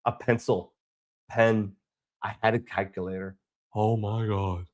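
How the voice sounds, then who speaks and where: A man's voice: lowish voice, steady tone, a little slow. A man who grew up in Boston tells his travel story in a casual vlog. He sounds aggrieved, rambles and often restarts his sentences.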